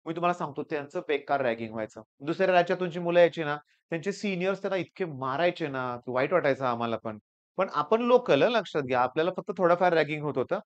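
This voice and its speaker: A male teacher from Maharashtra giving advice to students through lively storytelling, acting out the people he quotes. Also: fairly high pitch, fast, highs cut off. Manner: animated storytelling, acts out quoted students and seniors.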